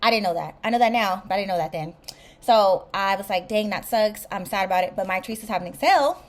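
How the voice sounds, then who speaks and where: A young woman, chatting excitedly through a casual unboxing vlog and calling her viewers y'all. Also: mid-range voice, fast. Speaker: vlogger.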